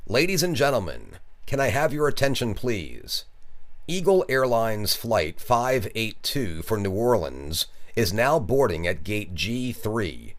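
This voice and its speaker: Man acting as low-voiced airport announcer. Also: sing-song, a little slow. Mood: formal, informative. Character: male airline gate announcer giving boarding calls.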